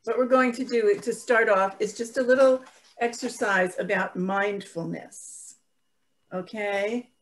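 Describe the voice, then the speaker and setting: A woman leading a group on a video call, reading aloud and guiding exercises in a measured, instructional way. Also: medium pitch, steady tone. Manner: slow, measured, instructional delivery. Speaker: group leader.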